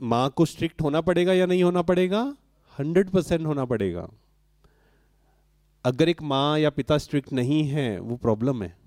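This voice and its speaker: Man, speaker before a live audience, mellow voice, dry close mic. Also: on the high side, dry recording. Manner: asks the audience questions and answers them himself. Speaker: spiritual speaker addressing an audience. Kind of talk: interactive talk to a live audience.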